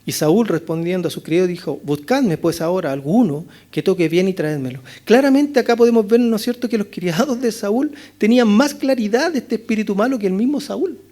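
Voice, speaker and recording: Chilean male pastor, expository sermon, high voice, rhetorical questions, dynamics from loud to hushed. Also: expressive, brisk, few pauses. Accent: Chilean Spanish. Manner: rhetorical questions, frequent "¿no es cierto?", swings between loud and hushed. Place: church chapel.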